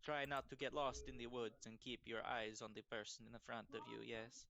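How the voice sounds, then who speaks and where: A man voicing a guide who leads a party into the woods, speaking calmly and giving instructions. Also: mid-range voice, a little fast, gravelly. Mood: instructive.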